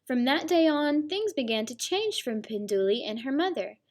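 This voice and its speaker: In a high, sing-song voice at a moderate pace, a woman reads a children's storybook aloud the way a teacher would. Along the way she explains words and adds asides about the story.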